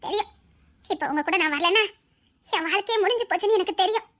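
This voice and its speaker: A woman voicing a young bride who defies her quick-tempered husband in a dubbed serial drama, with nervous laughter. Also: extremely high pitch, fairly bright tone. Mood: fearful.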